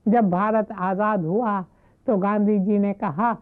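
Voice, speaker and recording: A woman giving a devotional talk, retelling a story in a measured, reverent way. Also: medium pitch, fairly even intonation. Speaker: spiritual speaker. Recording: narrow phone-like lo-fi audio.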